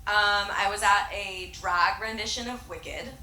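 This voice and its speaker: A woman's voice: mid-range voice, fairly even intonation, measured pace, sharp tone, reverberant, slight background noise, poor audio. A woman in her late twenties, a casual podcast guest, chatting in a giggly, rambling way with lots of fillers. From Boston area, USA. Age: 20s. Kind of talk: casual chat. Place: room with a couch.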